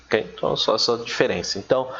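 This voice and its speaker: A man giving a casual recorded English lesson, chatty and relaxed, stretching out his English examples slowly. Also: mid-range voice, vocal fry, soft background music. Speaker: English teacher. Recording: dull, lo-fi with faint noise.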